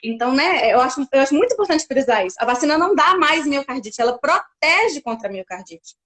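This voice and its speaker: A woman's voice: sits high, lively intonation, a little fast, a bit bright. A woman from Brazil, a pediatric doctor, explaining things carefully in a casual interview, with many fillers and restarts.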